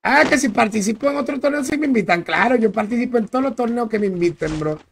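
Male gaming streamer, high voice, slangy and casual, shout-outs to viewers, noisy recording. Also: expressive, fast talker. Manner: chatty, greets viewers by name, slangy. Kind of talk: casual live-stream chat while gaming. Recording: clear background noise with clicks.

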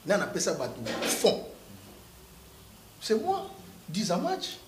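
Fiery high-voiced man. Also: wildly swooping pitch, slow, roomy sound, background noise. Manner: fiery, repeats words for emphasis, bursts into shouting. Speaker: interviewee giving political opinions. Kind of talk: impassioned street interview.

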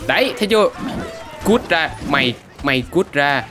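A man's voice: fairly high pitch, lively intonation, moderate pace. A man giving casual, playful gameplay commentary full of boastful trash talk. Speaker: gaming YouTuber. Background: background music.

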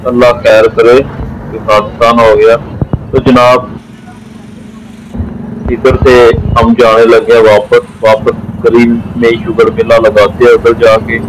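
Slow-talking man outdoors by busy traffic. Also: mid-range voice, level tone, poor audio. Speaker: vlogger narrating. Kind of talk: casual voice-over vlog.

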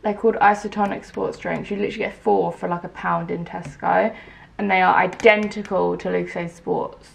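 A woman's voice: lowish voice, steady tone, brisk, vocal fry. A woman, chatting casually over a reaction video in rambling asides. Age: 20s. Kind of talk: casual chat.

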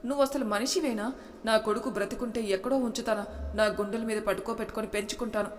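A woman's voice: fairly high pitch, fairly even intonation, fast talker, natural voice. A woman voicing an angry, hurt young husband in a storybook reading, with scolding speech in an echoing room. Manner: scolding, bitter. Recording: reverberant room with faint noise.

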